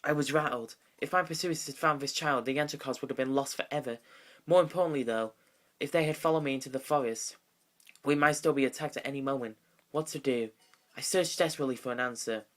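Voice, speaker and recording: A man's voice: mid-range voice, quick pace, fairly bright tone, natural voice. A man voicing a remorseful, earnest female scholar creature who recounts her story hesitantly.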